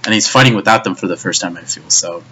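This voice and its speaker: Deep, fast and forceful, with a bright, slightly rough edge, a man blasts an anime in a profane rant. He stammers and goes over the same points again in his frustration.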